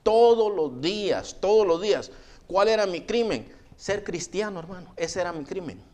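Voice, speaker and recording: Storytelling preacher man, higher voice. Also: animated, normal speed, darkish tone. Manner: storytelling preacher, calls listeners brother. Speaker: pastor. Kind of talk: sermon.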